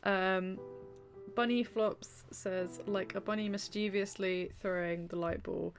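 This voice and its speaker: A woman's voice: mid-range voice, steady tone, takes it slowly, faint music behind. A woman streamer chatting casually while she draws, reading out chat messages, with lots of ums and small laughs.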